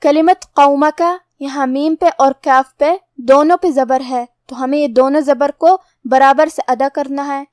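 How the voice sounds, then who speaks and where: High-voiced woman teaching recitation rules. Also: steady tone, no room sound, studio quality. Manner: measured, methodical explaining of pronunciation rules. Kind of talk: step-by-step recitation lesson.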